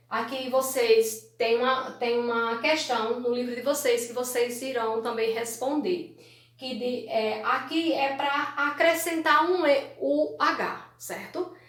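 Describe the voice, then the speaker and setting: A woman's voice: a little high, fairly bright tone. A Brazilian woman teacher giving an online class, sounding out words syllable by syllable and checking in with "né?" and "tá certo?". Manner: slow, drawn-out syllable-by-syllable teaching with frequent "né?" and "tá certo?". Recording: very echoey room.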